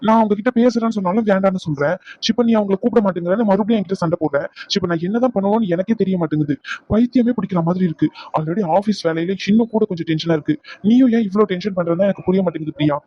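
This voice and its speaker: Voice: mid-range voice, rapid-fire, no room sound, highs cut off, natural voice. A performer voicing a stressed, irritable young husband in a dubbed cartoon, arguing in an exasperated way.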